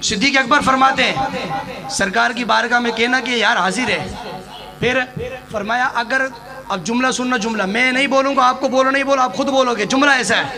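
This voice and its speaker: A male preacher with a very high, gravelly voice delivers an impassioned sermon. He tells stories through quoted dialogue and builds his lines up into shouts. A loud crowd can be heard behind him. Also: normal speed. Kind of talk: sermon to a live audience.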